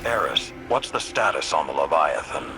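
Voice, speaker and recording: A stoic lord of war from a video game. His voice is extremely low, his manner gruff and formal. Music sounds behind him. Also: lively intonation, normal speed. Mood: stern, reserved. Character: stern, stoic warlord in command. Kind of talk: scripted game dialogue.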